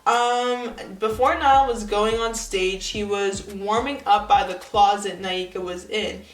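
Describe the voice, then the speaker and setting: A woman's voice: mid-range voice, fairly even intonation, takes it slowly, roomy sound, rough recording. A woman of nineteen reading her old story aloud and breaking off for sarcastic, self-mocking comments. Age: young adult. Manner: sarcastic, self-mocking asides between read passages.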